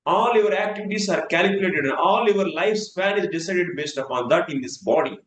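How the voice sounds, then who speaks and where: A man's voice: high voice, fairly bright tone. A man giving a scripture class, speaking in an earnest, repetitive way. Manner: earnest, repetitive, swings between slow and fast. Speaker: spiritual teacher. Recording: echoey room with faint noise.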